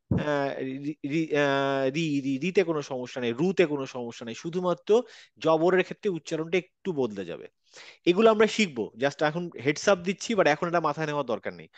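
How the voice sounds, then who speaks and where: A man's voice: fairly high pitch, no room sound, muffled recording. A man teaching Quran letter pronunciation in an online class, patiently repeating each sound. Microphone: video call.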